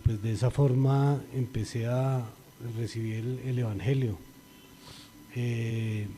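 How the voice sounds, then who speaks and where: A middle-aged Colombian man with a Colombian accent gives an earnest spoken church testimony, his mid-range voice rising and growing louder when he quotes scripture. The recording has a long reverberant hall sound with slight background noise.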